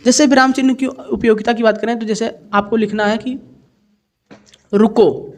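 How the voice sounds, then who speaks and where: A man's voice: very high voice, steady tone, normal speed, a little hiss or hum. Male tutor solving a past exam paper, patient and methodical, repeats key definitions. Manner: explains step by step, repeats each definition. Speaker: teacher. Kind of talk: exam paper solution lesson.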